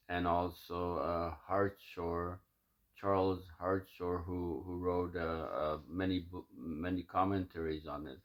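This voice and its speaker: A man with a deep, low voice records himself at home, first chatting loosely about what he is about to read and then reading aloud from his own typed notes. He talks in a halting way, stopping for fillers and restarting his sentences often. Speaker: self-recording reader of his own writings.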